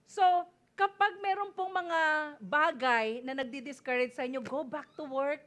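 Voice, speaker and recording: A Filipino woman pastor preaching to her congregation in a high, bright register. She speaks emphatically, switching between Tagalog and English and often pausing to call out for an amen. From Philippines. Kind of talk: sermon mixing Tagalog and English. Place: church service before a congregation.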